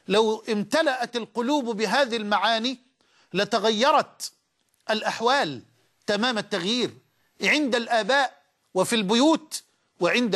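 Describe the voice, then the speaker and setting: A man preaching with a marked Egyptian Arabic accent and a high-pitched voice. He presses his listeners with rhetorical questions and drives each point home by repeating it with fervor. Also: fairly bright tone. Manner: impassioned, with rhetorical questions and emphatic repetition. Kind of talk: sermon.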